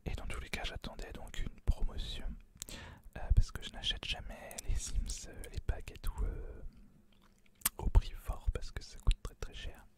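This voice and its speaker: A host whispering right into the listener's ear in informal, rambling ASMR gaming commentary, with some hesitation. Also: a little slow.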